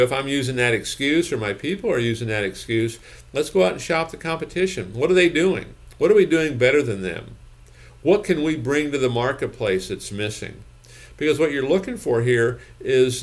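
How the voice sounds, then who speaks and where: An older man in his sixties, a gym business consultant, giving emphatic advice to camera from a home office, repeating his points and checking in with "okay?". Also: mid-range voice. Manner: emphatic, repeats phrases, frequent "okay?" and "you know".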